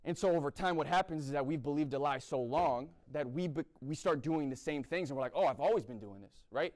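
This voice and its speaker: With a slightly high, darkish voice and a somewhat fast pace, a young East Coast American man speaks at a university chapel event. His talk is blunt and sermon-like, punctuated by frequent "right?" check-ins.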